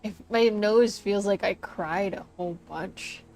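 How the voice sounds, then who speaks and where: A woman with a stuffy, blocked nose streams a visual novel as a VTuber, chatting casually and reading game lines aloud into a desk mic. Her mid-range voice is unhurried and a little mellow, her manner chatty and self-deprecating, and she trails off mid-sentence. Faint music plays behind her.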